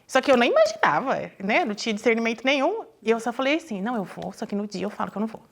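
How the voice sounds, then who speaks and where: A Brazilian woman sharing a personal testimony, telling it with lively voices for the people in her story. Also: on the high side, very fast. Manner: animated, acts out quoted dialogue, addresses listeners as "gente".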